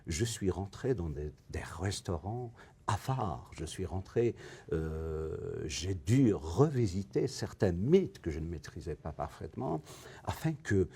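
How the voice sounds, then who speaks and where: A male novelist, originally from Africa, answering questions in a television interview, thinking aloud and searching for his words, with many pauses. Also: deep voice, lively intonation, warm tone, breathy edge. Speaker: novelist guest. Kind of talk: TV interview, reflective.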